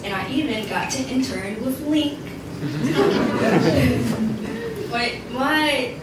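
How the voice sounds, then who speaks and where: A young woman speaking as an alumni speaker at an event, earnest and laughing now and then. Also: on the high side. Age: young adult. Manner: earnest, laughs between lines. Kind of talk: speech at a networking event. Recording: echoey room from far off, loud background noise.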